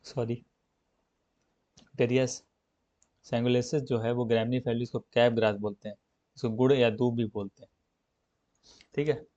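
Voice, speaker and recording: A man's voice: mid-range voice, level tone, unhurried, pauses often, mellow, no room sound. A man teaching an agriculture exam lesson who stumbles and restarts on long scientific plant names, repeats the key terms and keeps checking in with his students. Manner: checks in with "theek hai na" after each point. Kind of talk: exam coaching lecture. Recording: dull, muffled lo-fi sound.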